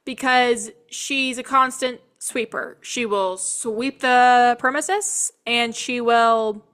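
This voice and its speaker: A woman's voice: sits high, sharp tone. A young woman co-hosting a podcast, chatting casually with teasing asides. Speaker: podcast co-host. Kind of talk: casual chat.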